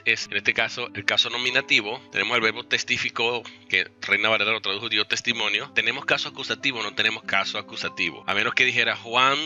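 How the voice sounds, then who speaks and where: Bright-voiced man teaching grammar. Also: fairly low pitch. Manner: patient, explains step by step, checks in with "¿ok?". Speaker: Greek language teacher. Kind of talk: recorded lesson with slides.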